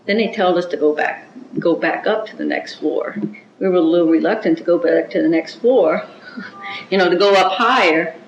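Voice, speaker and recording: A woman giving an oral history interview, recounting events in a measured, reflective way with small restarts. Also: fairly low pitch, slight background noise. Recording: roomy, dull-sounding recording.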